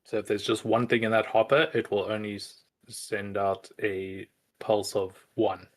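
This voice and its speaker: South african man, low voice, patient explainer, casual voice chat. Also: flat delivery, unhurried. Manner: patient, explanatory, hesitant fillers. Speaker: player explaining game mechanics.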